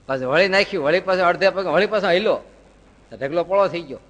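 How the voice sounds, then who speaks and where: Fast and high-pitched, with a fairly bright tone, a spiritual teacher preaches devotionally, mixing rhetorical questions with homespun anecdotes. The lo-fi recording has a long reverb, as in a hall.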